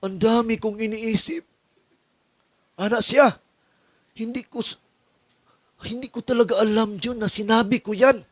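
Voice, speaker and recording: A male preacher voicing a busy older senior pastor who speaks quickly and matter-of-factly. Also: sits high, fairly even intonation, no room sound. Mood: apologetic.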